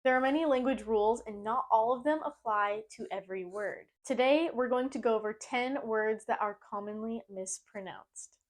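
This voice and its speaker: A young woman from Maine speaks with a New England accent. She teaches a pronunciation lesson in a clear, careful way, slowing down to repeat each word. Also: on the high side. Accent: New England American. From Maine, United States. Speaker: English teacher.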